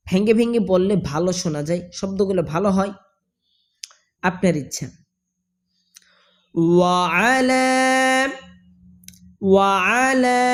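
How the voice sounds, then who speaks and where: A man teaching correct recitation, explaining pronunciation rules and chanting each phrase in long drawn-out tones. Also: high voice, darkish tone. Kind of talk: slow pronunciation lesson with chanted examples.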